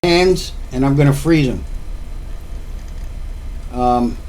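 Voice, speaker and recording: A man's voice: mid-range voice, animated, slow, darkish tone, a little hiss or hum. A man talking casually to camera about his home cooking, rambling and repeating himself as he explains. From Florida.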